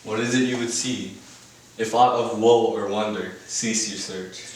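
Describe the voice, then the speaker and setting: An actor playing a prince's loyal, grieving friend in a solemn classical Shakespeare style. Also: male voice, on the low side, fairly even intonation, unhurried, close to an everyday voice. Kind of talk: classical Shakespeare stage acting. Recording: very echoey room.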